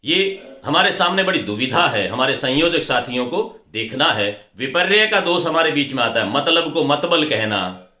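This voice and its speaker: A man's voice: mid-range voice, very animated, moderate pace, few pauses, sharp tone. A middle-aged man giving a lecture on pronunciation for stage anchoring, repeating words to contrast right and wrong forms. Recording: echoey room.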